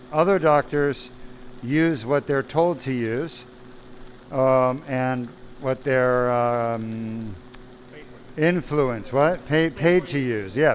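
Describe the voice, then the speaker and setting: A man's voice: medium pitch, a little hiss or hum, rough recording. A man, a spine surgeon, giving a blunt, emphatic live question-and-answer talk full of rhetorical questions.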